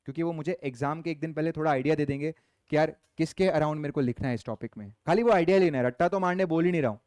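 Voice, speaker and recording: Speaking Hindi and English by turns, a young commerce lecturer with a clear, smooth, somewhat high and slightly mellow voice scolds his class firmly. When he reaches the exam questions, he reads them aloud slowly. No room echo comes through; the audio is dry and close.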